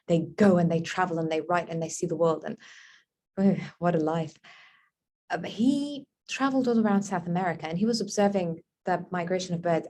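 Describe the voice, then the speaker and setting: A woman from Lebanon, an author, answering reader questions in a book club interview over a video call. She talks in a reflective, musing way with soft fillers and breaks into moments of wonder. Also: on the low side. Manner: bursts of wonder and excitement.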